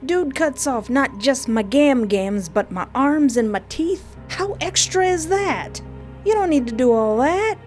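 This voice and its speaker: With background music playing beneath her, a woman video host who streams visual novels delivers scripted commentary full of comic asides. Her voice is high and somewhat dark, with lively intonation and a measured pace, and she leans on single words for dramatic emphasis.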